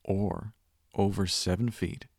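A man narrates an intimate second-person roleplay in a low, husky murmur that often slips into a whisper. His delivery is slow and tender, with a dark, gravelly grain. The sound is close and dry, with no room around it. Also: steady tone, no room sound. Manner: soft, hushed and often whispering; tender and reassuring. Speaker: audio roleplay performer.

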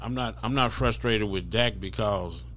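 Low-voiced man, farther from the mic. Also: moderate pace, noisy background. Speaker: podcast co-host. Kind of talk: casual sports talk.

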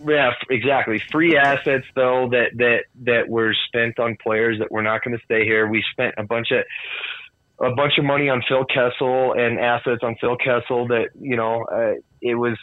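A man's voice: medium pitch, fairly even intonation, normal speed, no room sound. A rambling man talking sports with friends, circling back over his words. His voice comes through thin and phone-like, with no room sound at all. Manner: rambling, repeats himself. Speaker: co-host. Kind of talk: casual sports chat.

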